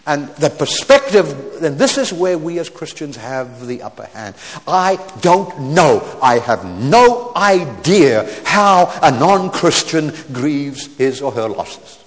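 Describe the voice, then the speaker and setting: A man in his seventies preaching a sermon, swinging from loud exclamations to quiet asides, with stammered restarts and wry humorous remarks. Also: a little high, big pitch swings, takes it slowly, few pauses, long reverb tail. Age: 70s.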